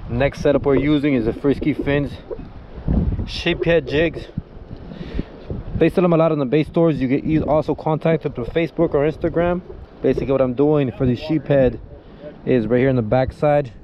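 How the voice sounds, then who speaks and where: A man's voice: medium pitch, normal speed, highs cut off. A man casually explaining fishing steps to viewers from an outdoor pier, recorded on a chest-mounted action camera. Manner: excitable, talks viewers through each step. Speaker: fishing vlogger. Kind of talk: casual how-to commentary. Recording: wind noise on an action camera.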